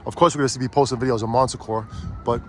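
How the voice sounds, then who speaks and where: A man's voice: medium pitch, steady tone, quick pace, fairly bright tone, slight background noise. A middle-aged man vlogging casually while loading and driving a truck, rambling with many restarts and fillers, filmed on a phone. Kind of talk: casual vlog talk. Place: in and around a truck.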